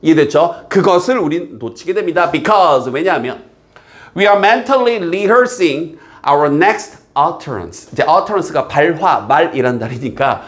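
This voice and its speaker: A man teaching an English exam passage, reading English lines slowly and explaining them in Korean, often checking that students follow. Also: fairly high pitch. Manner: lively, drills students with repeated checks.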